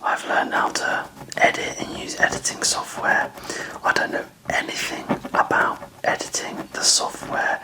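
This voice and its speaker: An ASMR video creator whispers a casual, self-deprecating ramble, musing chattily in a breathy, unvoiced voice. The recording is rough.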